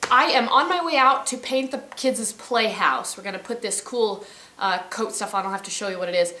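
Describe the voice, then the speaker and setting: A woman's voice: mid-range voice, normal speed, pushed and bright, echoey room. A woman vlogging from her ranch, telling a story casually and rambling, often correcting herself. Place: outdoors on a ranch.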